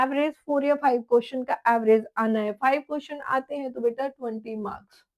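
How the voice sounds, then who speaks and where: High-voiced woman teaching exam prep. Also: low-quality recording. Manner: calls students "beta", rattles off years and question counts.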